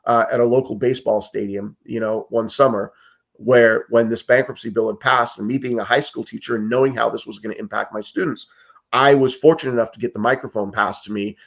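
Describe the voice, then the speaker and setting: This fifties-aged American political candidate sounds gravelly and steady at a medium pitch, talking a little fast. He answers interview questions with earnest urgency, restarting often and filling gaps with "like" and "you know." The recording is dull.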